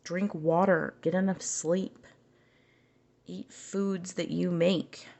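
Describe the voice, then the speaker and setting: Low-voiced female tarot reader, gravelly, loose and musing delivery. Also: steady tone, slow, warm tone. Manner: musing, conversational, trails off and restarts. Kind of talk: casual tarot reading.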